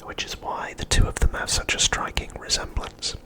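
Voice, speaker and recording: An ASMR host, a man, narrates a recap of an episode. He whispers without voicing, breathy and quiet, and he paces it deliberately.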